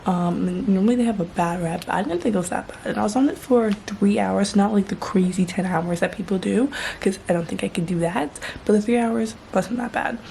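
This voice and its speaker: A woman's voice: mid-range voice, fairly quick, gravelly, hardly any pauses. A woman in her twenties chatting upbeat and casually on a travel vlog, full of fillers, filmed walking outdoors. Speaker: travel vlogger. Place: outdoors on city streets. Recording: loud street and traffic noise. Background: traffic and street noise.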